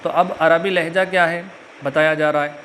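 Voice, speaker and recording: A man with a Pakistani Urdu accent teaching a religious lesson and stretching out letter sounds slowly, with filler pauses. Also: a little high, steady tone, fairly bright tone, slight background noise. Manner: slow drawn-out letter recitation with frequent filler pauses. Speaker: Quran reading teacher. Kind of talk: religious lesson with Arabic invocations.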